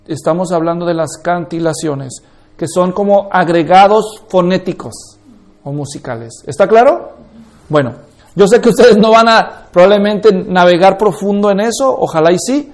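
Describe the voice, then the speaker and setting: A man with a notably high-pitched voice lectures on Bible interpretation. He explains patiently, point by point, and keeps pausing to make sure his students understand. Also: darkish tone. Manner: explanatory, often checks that listeners follow. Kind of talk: classroom lecture.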